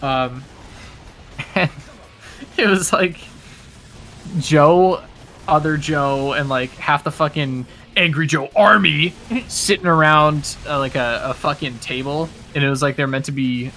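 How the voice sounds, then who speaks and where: Guy hosting a game stream, rambly and sweary, bright voice. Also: on the high side, slow pace, slight background noise. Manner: rambling, swears freely, lots of fillers. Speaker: host. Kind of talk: casual gaming stream chat.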